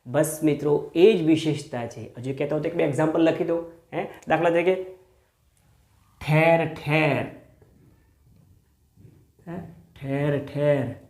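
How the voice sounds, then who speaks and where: A man's voice: on the high side, unhurried, long pauses, darkish tone, echoey room. A male school teacher giving a grammar lesson. He calls his listeners friends, asks questions and answers them himself, and stretches out key words.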